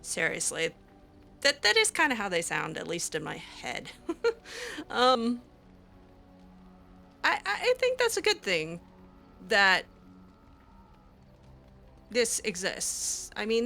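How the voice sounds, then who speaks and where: Playing a curious young female mage as her player character, a woman chats in character, casual and hesitant, full of ums and restarts. Her voice is fairly high and sharp, and the performance is heavily acted.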